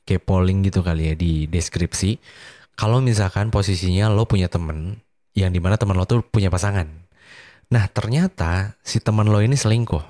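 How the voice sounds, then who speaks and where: A man's voice: moderate pace, dark tone, no echo, clean studio sound. A tired, drowsy man with an Indonesian accent, chatting casually as the host of a late-night solo podcast. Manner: sleepy, drowsy, low-energy delivery. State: tired and slightly unwell.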